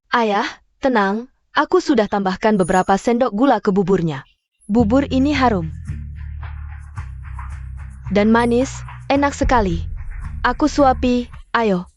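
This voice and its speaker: A scheming young daughter voiced by a woman speaks in a slightly high, sugary, coaxing tone that curdles into cold mockery. Faint music plays under the dubbed drama. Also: darkish tone, no room sound, highs cut off, close to an everyday voice. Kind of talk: dubbed mini-drama acting.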